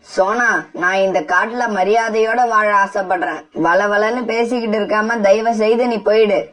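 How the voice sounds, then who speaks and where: A woman's voice: medium pitch, steady tone, normal speed, fairly bright tone, recorded from a distance, lightly acted. A woman voicing a stern father sparrow. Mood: harsh. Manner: curt, harsh. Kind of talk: cartoon voice acting.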